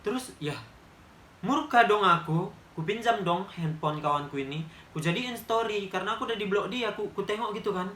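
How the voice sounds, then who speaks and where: His high-pitched voice is bright and forceful, and he talks fairly quickly. The Medan-accented vlogger, a man in his twenties, chats emphatically through a casual story for the camera, in an echoey room with a little hiss or hum.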